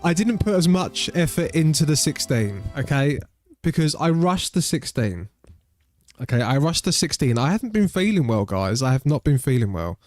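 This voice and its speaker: Chatty British streamer, medium voice, dry close mic. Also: male voice, on the high side, sing-song, moderate pace, darkish tone, dry recording, soft background music. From Britain. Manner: rambling, chatty, nostalgic. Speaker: game streamer. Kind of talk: casual live-stream chat.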